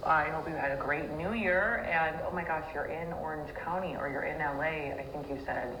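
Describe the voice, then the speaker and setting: A woman's voice: deep voice, normal speed, a bit bright. A woman speaking in a bubbly, chatty way in a voice message played back from a phone, as a business owner getting ready for a launch. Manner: bubbly, repeats "oh my gosh". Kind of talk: casual voice message. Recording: echoey voice message with faint noise.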